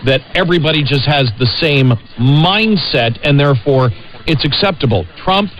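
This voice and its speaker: A man's voice: fairly high pitch, lively intonation, normal speed, lo-fi sound. An American man co-hosting a conversational political talk radio show, insistent and repeating phrases for emphasis. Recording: noisy radio broadcast sound.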